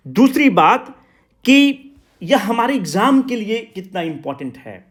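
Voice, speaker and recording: A male exam coaching teacher, lecturing a class and slowing down to stress his English phrases. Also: high-pitched, big pitch swings. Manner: mixes English and Hindi, slows down for emphatic English phrases.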